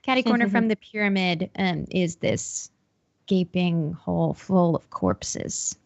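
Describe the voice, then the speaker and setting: A woman's voice: fairly low pitch, expressive, a little slow, gravelly, no room sound, dull audio. A woman running a tabletop horror game as game master, describing scenes with frequent ums and restarts.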